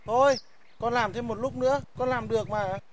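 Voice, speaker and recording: A man's voice: very high-pitched, brisk, a little hiss or hum. A young man playing a pampered rich son in a folk comedy TV drama, speaking hesitantly, with music playing under his lines. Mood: earnest. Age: young adult. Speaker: comic lead.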